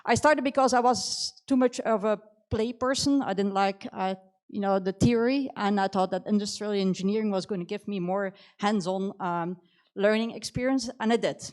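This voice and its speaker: A middle-aged woman, a conference speaker, talks at normal speed in a mid-range voice. Her English carries a Belgian accent with a slight New Zealand tinge, and her conversational, motivational talk about her career is full of "you know".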